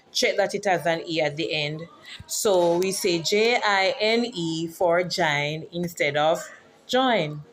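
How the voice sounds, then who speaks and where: Jamaican woman teacher vlogging casually. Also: lowish voice. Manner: explanatory, teacherly, spelling words out. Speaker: teacher and author. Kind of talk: casual vlog.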